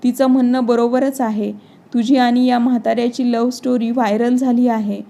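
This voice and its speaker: A woman voicing a scornful, quick-tempered young wife in a storybook narration, read in an even way. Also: fairly high pitch, natural voice. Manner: contemptuous.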